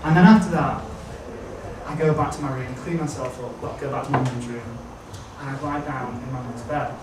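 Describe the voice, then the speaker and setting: A man's voice: medium pitch, steady tone, brisk. A young man doing stand-up, telling a rambling, self-mocking story on a comedy club stage. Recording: echoey venue, distant mic, noisy.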